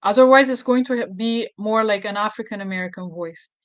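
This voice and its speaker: A woman's voice: medium pitch, a little fast, dry recording, lo-fi sound. A woman hosting a casual screen tutorial, thinking aloud with fillers and self-corrections. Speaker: tutorial host.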